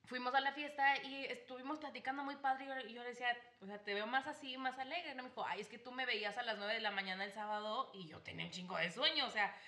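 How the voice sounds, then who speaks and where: Woman, Mexican accent, young adult, bright tone, animated storyteller. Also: fairly high pitch, fast, few pauses. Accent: Mexican Spanish. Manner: animated storytelling with laughs and acted-out quotes. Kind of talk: casual chat.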